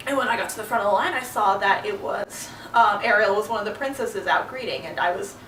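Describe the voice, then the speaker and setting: A young woman telling a personal story in a halting, earnest way, with many fillers. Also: medium pitch, fairly bright tone, roomy sound, distant mic, a little hiss or hum, low-quality recording. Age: young adult. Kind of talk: personal monologue.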